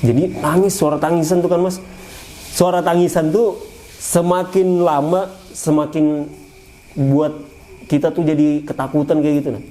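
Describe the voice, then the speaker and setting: A man recounting his own eerie experience in a casual, animated way, often repeating phrases and addressing the listener. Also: a little high, normal speed, rough recording. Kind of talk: casual first-person ghost story.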